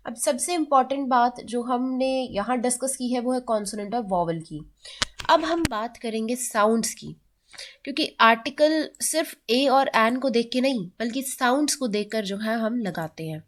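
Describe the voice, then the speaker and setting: A woman teaching English grammar in a mix of Hindi and English, who often checks in with her students and slows down to read examples aloud. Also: a little high. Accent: Indian English. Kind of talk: explaining grammar in a classroom-style lesson.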